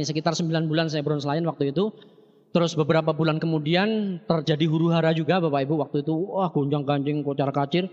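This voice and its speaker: A high-voiced man speaks quickly and energetically to a crowd in a big echoing hall, addressing his listeners again and again and mixing jokes into his stories. The sound is a dull, lo-fi tape recording with a long reverb tail from the room. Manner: addresses the audience constantly, jokes and tells stories. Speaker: motivational speaker at a business seminar. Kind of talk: energetic seminar speech.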